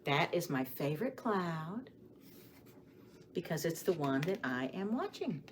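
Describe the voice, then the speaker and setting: A children's librarian leads storytime, her voice on the low side yet sing-song and expressive as she reads stories and rhymes to young children. She keeps addressing the kids with questions, pausing for their responses. Background noise is plainly noticeable.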